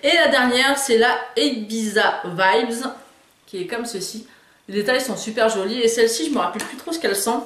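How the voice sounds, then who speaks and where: Casting note: upbeat woman, somewhat high voice, home haul vlog in a room with echo. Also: moderate pace, a bit bright. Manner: chatty, enthusiastic, frequent hesitations. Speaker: beauty and lifestyle YouTuber. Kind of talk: casual haul video chat.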